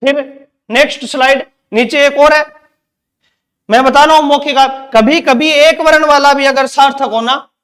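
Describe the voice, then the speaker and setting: A man's voice: extremely high pitch, fairly even intonation, normal speed, a bit bright. A man teaching Hindi grammar in an exam-prep lecture, repeating points and quizzing with rhetorical questions.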